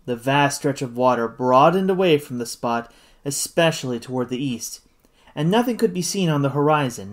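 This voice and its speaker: A narrator reading a classic novel aloud in an expressive style. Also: mid-range voice. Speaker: audiobook narrator. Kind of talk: scripted audiobook narration.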